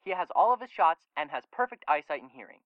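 A man playing a cheerful shelter worker presenting a dog in an adoption video, with a lively promotional delivery. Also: fairly high pitch, fast talker, no echo. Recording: dull lo-fi video playback.

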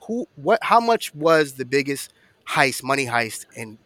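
A man's voice: mid-range voice, very animated, unhurried, fairly bright tone, no room sound. A man co-hosting a podcast in loose, rambling casual chat, often correcting himself mid-sentence. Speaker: podcast co-host.

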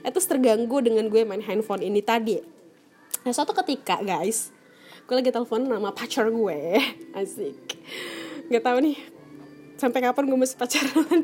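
A young Indonesian woman hosts a podcast, telling a personal story in casual, chatty talk to her listeners and laughing often. Her voice is a little high and a little mellow.

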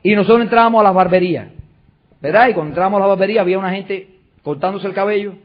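Brisk, emphatic male motivational speaker, high-pitched, who hammers points with repetition; muffled lo-fi recording. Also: fairly even intonation. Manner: emphatic, repetitive, rhetorical questions. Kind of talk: motivational talk to an audience. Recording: dull lo-fi recording.

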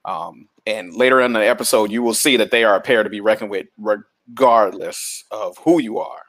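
A man's voice: fairly low pitch, moderate pace. A man hosting a stream, casually recapping an episode and acting out the characters' lines as he goes. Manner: animated retelling that acts out the characters' lines. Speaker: stream host.

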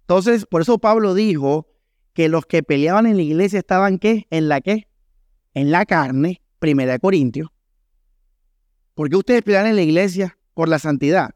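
A male pastor delivers an emphatic sermon with a Colombian Caribbean Spanish accent, often turning to ask his listeners questions. His voice sits somewhat high and sounds smooth and clear. The recording is close and dry, with very little room sound. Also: moderate pace, a little mellow, no room sound. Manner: emphatic preaching with rhetorical questions to the congregation. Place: church hall.

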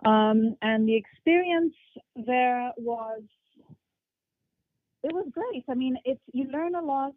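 This flautist guest, a young adult woman whose first languages are English and Portuguese, speaks high and slowly, pausing often. She considers each interview question, filling gaps and restarting, in a mixed international English accent. The recording is dry and comes through a tinny phone-like line.

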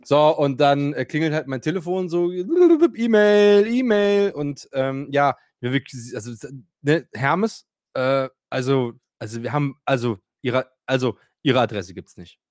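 A man's voice: medium pitch, normal speed, no echo, studio quality. A man telling a story in casual chat, ranting animatedly, acting out quotes and swearing casually. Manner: animated, rants and acts out quotes; swears casually, many fillers.

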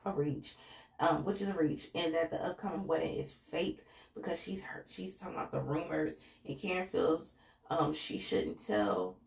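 In a reverberant room, a woman with a low, darkish voice and vocal fry talks at a moderate pace. She's a podcast host giving a casual, slangy review of a reality show, using plenty of fillers.

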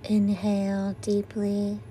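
A woman guides a meditation in the gentle manner of a sleep story narrator. Her voice is soft-edged and mellow, staying level as she moves very slowly through each cue. Faint noise and ambience sit behind her. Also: medium pitch, completely flat delivery, low-quality recording. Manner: soothing, gentle, breathy exhales on breathing cues.

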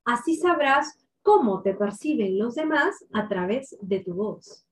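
Slow, clearly articulating woman coach. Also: fairly high pitch, animated. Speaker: voice and public speaking coach. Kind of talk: instructional tips to camera.

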